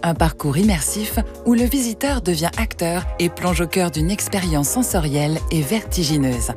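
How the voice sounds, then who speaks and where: A woman announcer reads a scripted radio ad with punchy promotional energy. Her voice sits slightly low, and music runs clearly underneath. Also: expressive, moderate pace. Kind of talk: scripted ad narration.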